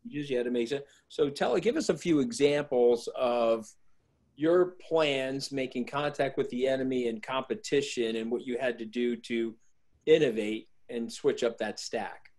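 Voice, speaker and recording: A man's voice: medium pitch, moderate pace, darkish tone. A man hosting a casual interview, prompting his guest with questions in a conversational way. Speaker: interview host.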